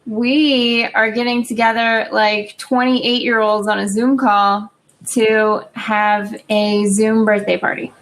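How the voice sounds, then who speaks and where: Chatty higher-voiced woman co-host. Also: level tone, fairly bright tone. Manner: chatty, halting with restarts. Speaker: podcast co-host. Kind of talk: casual chat.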